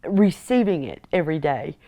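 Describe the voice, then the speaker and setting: A woman's voice: sits low, lively intonation, normal speed, mellow. An older woman, interviewed for a news feature, fond and amused as she talks and reads. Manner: laughs often, fond and amused. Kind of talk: interview and reading.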